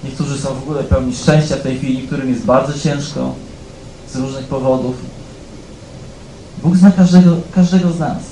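A man preaching a sermon in a conversational way, often checking in with the congregation and growing louder as he reads scripture aloud. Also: mid-range voice, fairly even intonation, moderate pace, pauses often, roomy sound, slight background noise, rough recording. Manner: conversational, keeps asking "tak?" of the congregation; rises louder when reading scripture aloud.

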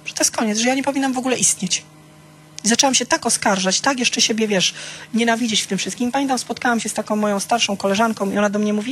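A woman's voice: mid-range voice, fairly bright tone. A woman teaching a small church group in a conversational way, asking questions, calling listeners by name and sharing candid personal stories. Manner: conversational, keeps checking in with "tak?".

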